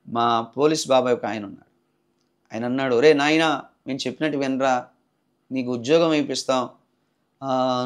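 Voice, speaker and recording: A middle-aged man telling his personal religious testimony, swinging between loud, impassioned outbursts and low, hushed passages. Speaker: preacher giving testimony. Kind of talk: emotional spoken testimony.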